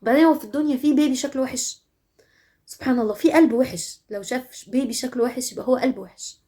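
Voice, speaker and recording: Fast-talking Egyptian woman giving parenting advice. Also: sits high, dark tone. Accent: Egyptian Arabic. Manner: earnest, direct, coaching. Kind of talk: advice monologue to mothers.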